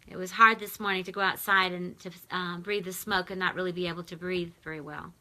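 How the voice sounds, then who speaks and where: A woman speaking in a soft, slow, prayerful way as she leads a guided visualization from her home in the mountains. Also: lowish voice, fairly even intonation, rough recording. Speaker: spiritual teacher leading a guided visualization. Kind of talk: guided meditation.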